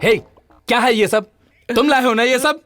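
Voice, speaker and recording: A man's voice: very high voice, moderate pace, very noisy. An actor dubbing a strict male physics teacher who scolds his class, over film music. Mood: scolding. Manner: stern, scolding. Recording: film mix with loud music.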